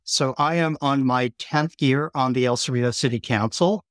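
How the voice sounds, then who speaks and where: Middle-aged councilman from the bay area, steady explainer, dry close sound, mid-range voice. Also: medium pitch, moderate pace, dry recording. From San Francisco Bay Area, California. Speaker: city councilmember, guest. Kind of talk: interview conversation.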